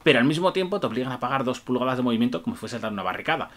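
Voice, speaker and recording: A man's voice: mid-range voice, animated, very fast, a bit bright. A man breaks down tabletop game rules to camera with eager enthusiasm. He chuckles often and peppers his explanations with "eh" and "vale". The sound is that of a webcam at a desk in a small room. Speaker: tabletop wargame rules reviewer.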